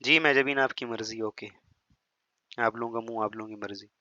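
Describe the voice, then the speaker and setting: A man's bright, forceful, steady mid-range voice carries a classroom biology lecture in mixed Hindi and English, full of teasing asides and frequent checks on whether students follow. He drags out and over-stresses words to demonstrate pronunciation. The recording is dry, lo-fi and a bit dull.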